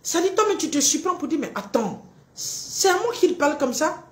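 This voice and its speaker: A woman relationship coach giving a live-streamed talk, acting out both partners in quick little dialogues. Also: sits high, sing-song, fairly bright tone, echoey room.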